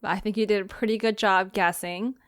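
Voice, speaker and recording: Speaking briskly in a steady, medium-pitched voice, a woman who creates and hosts a fiction podcast keeps the chat casual. She's giggly and laughs a lot along the way. The recording is dry, with a clean tone.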